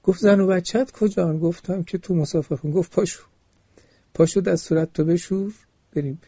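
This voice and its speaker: A man's voice: high voice, steady tone, warm tone, husky, no echo. A man preaching a religious sermon, telling a story with quoted dialogue and earnest exhortation.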